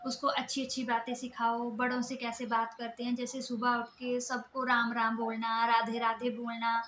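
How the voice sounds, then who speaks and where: A woman's voice: on the high side, completely flat delivery, moderate pace, a bit bright, slight background noise. A woman in her thirties from Himachal Pradesh with a Himachali Hindi accent, talking earnestly to camera in a home vlog and lecturing with many fillers. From Himachal Pradesh, India. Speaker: vlogger. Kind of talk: casual talk to camera. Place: home room, indoors, children asleep nearby. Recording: roomy echoey home recording.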